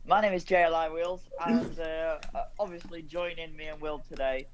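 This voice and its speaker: A man's voice: on the high side, steady tone, normal speed, crowd noise, rough recording. A man co-hosting a casual football stream, blunt and candid, sounding frustrated.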